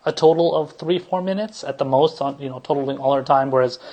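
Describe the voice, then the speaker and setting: A man's voice: medium pitch, quick pace, a little mellow. A man hosting a political commentary podcast, talking in a rambling way with many restarts, fillers and casual swearing. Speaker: podcast host.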